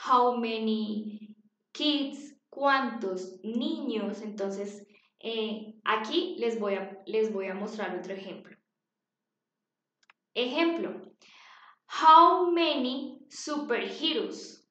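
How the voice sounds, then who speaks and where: A woman's voice: a little high, drawn-out words. A woman teaching an English lesson to young children, patient, repeating words for them to copy. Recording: dull, echoey home recording.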